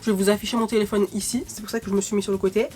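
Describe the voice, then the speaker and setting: A woman's voice: medium pitch, flat delivery, very fast, a little mellow, faint music behind. A young woman with a cold, coughing now and then, chatting casually and rambling with lots of fillers in a vlog. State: sick, coughing. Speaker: YouTuber.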